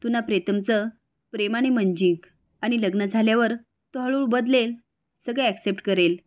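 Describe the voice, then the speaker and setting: A woman's voice: fairly high pitch, moderate pace, darkish tone, natural voice. A woman voicing a doting middle-aged mother who scolds her son and reassures his fiancée in a retold TV serial. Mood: reassuring.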